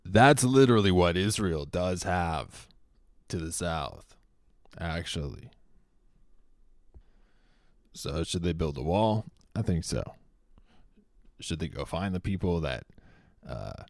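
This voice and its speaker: Profane ranting man with a deep voice. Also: dry recording, clean studio sound. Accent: Boston. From Boston. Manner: profane, heated, shouting bursts. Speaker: comedy show host. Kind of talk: stand-up style comedic rant.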